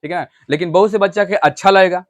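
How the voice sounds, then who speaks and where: Male classroom teacher with a high voice, explaining rules patiently and checking in with students often. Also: fast, lo-fi sound. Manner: explains step by step, often asks students if they understood; switches between loud stressed points and quiet asides to the class. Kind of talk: classroom English grammar lesson.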